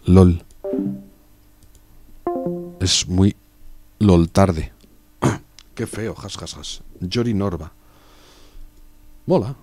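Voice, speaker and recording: A man's voice: deep voice, darkish tone, dry recording. A young man with a Spain Spanish accent, chatting casually and joking with his chat while streaming a strategy game. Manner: joking, chatty, reads chat aloud and riffs on it.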